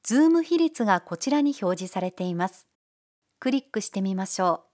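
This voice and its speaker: A woman giving calm, polite, step-by-step narration for a software tutorial. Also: mid-range voice, fairly quick. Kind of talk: scripted screencast narration.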